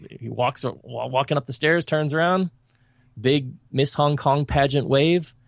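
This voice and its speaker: A man's voice: medium pitch, a little slow, creaky, no echo, studio quality. A man co-hosting a podcast, reviewing films in casual chat with an opinionated, critical and rambling manner. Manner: loose, rambling delivery.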